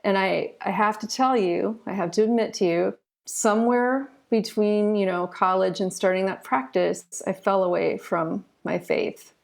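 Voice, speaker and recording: A former physician now working as an author, this southern Ohio woman in her forties speaks in a steady, unhurried, medium-pitched voice with gravelly fry. As an interview guest, she shares her personal story in a candid, chatty way, often adding "you know."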